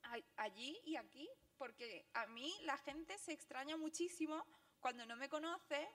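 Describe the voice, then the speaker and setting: An Andalusian woman with a high voice speaks as a guest at a book presentation, where she is the graphic novelist. She tells her stories fast and animatedly in an Andalusian Spanish accent, laughing as she goes.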